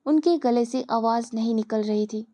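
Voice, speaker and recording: A woman narrating a dramatic audio story in a steady storytelling manner. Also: fairly high pitch, normal speed.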